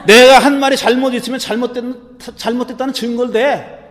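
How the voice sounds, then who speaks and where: A man's voice: very high-pitched, steady tone, fairly quick, a bit bright, in a large hall, voice pushed up. A man preaching a sermon acts out a defiant man talking back bluntly to his interrogator. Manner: blunt, scolding street talk.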